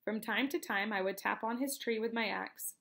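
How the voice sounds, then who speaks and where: A woman reading a novel aloud in a steady, unhurried storytelling manner. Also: on the high side, vocal fry. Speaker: reader.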